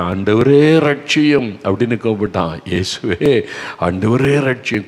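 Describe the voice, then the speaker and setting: A man's voice: on the low side, darkish tone. An older man preaching a devotional sermon with a Tamil accent, earnest and exhorting. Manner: earnest, exhorting, often quoting callers in a raised voice. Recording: long hall reverb.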